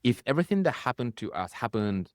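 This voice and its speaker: A man with a Japanese accent, speaking English as a later language, works as a spiritual coach hosting a reflective conversation. His medium-pitched voice swings widely and moves fast in rising bursts, often closing with a checking "right?". The clean studio recording has no echo.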